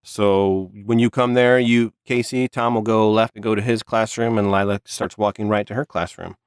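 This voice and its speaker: Smooth low-voiced man running the game. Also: steady tone, dry recording, studio quality. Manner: halting, restarts, laughs along. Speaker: game master. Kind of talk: narrating a tabletop game.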